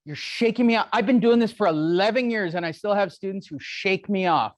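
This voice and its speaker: Brash male coach: high voice, dry close sound, jokes and swears while teaching a live room. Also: a little fast, no echo. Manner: brash, joking and profane. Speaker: real estate coach teaching a seminar.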